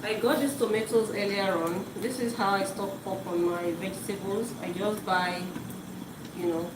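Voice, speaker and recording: In an echoey, noisy home kitchen, a cooking show host whose first language is Yoruba talks casually during a live stream, repeating words as she cooks. She speaks at a moderate pace with medium pitch and fairly even intonation.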